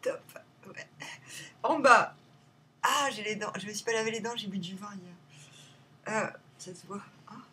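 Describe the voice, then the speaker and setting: A woman's voice: mid-range voice, measured pace, pauses often, slightly rough, distant mic. Rambling, playful woman reading tarot. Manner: rambling and playful, jumping between loud remarks and muttered asides. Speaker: tarot reader. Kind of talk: casual tarot reading vlog. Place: at home.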